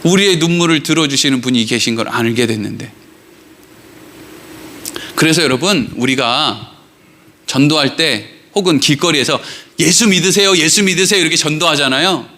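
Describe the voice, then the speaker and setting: A man's voice: mid-range voice, moderate pace, pauses often, pushed and bright, a little hiss or hum. A male pastor preaching a Sunday sermon in a conversational way, often asking the congregation rhetorical questions.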